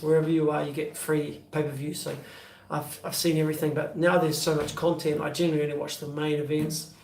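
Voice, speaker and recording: A man's voice: fairly high pitch, level tone, brisk, gravelly, darkish tone, slight background noise. A man in his fifties with a New Zealand accent, chatting casually on a live stream and answering viewers' questions in a loose, rambling way, full of fillers and restarts. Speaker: beer vlogger answering live chat. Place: bedroom, indoors. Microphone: phone on a stand at arm's length. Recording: echoey room, phone mic from a distance.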